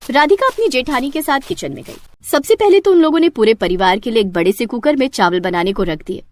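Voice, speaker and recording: A woman's voice: a little high, expressive, fairly quick, a little mellow. A woman narrating a scripted story.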